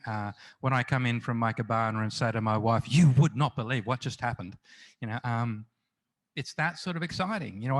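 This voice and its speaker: Speaking at medium pitch with a fairly bright tone, this middle-aged man is an Australian crime writer giving a festival interview. He rambles through anecdotes, mocking himself and often restarting or filling pauses.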